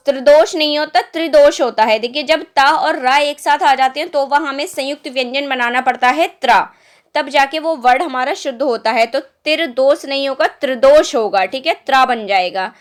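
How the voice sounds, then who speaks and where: A young woman with a high-pitched voice teaches Hindi spelling for exam preparation. She goes word by word, patient and repetitive, asking rhetorical questions and answering them herself. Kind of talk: exam-prep spelling lesson.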